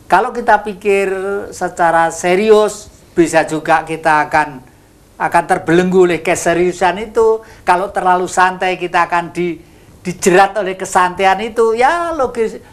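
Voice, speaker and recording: A man's voice: high-pitched, moderate pace. An older man hosting a studio talk show, folksy and philosophizing, teasing his guests. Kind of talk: relaxed studio chat.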